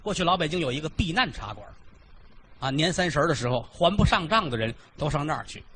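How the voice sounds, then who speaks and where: A man's voice: fairly high pitch, big pitch swings, quick pace, a bit bright, a little hiss or hum. A man doing solo comic storytelling, chatty and digressive with vivid detail.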